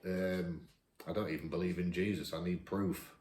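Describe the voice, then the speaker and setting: A man in his fifties with a northern English accent, chatting casually as he answers viewer questions, each read out brighter. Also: deep voice, steady tone, moderate pace, reverberant, slight background noise. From England. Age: 50s. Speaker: vlogger. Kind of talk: casual Q&A chat.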